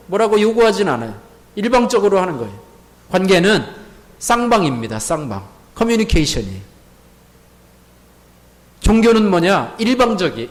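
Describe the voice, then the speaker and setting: High-voiced male pastor preaching. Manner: asks the congregation rhetorical questions and repeats key words; leads the congregation in call-and-repeat. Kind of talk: Sunday sermon. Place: church sanctuary.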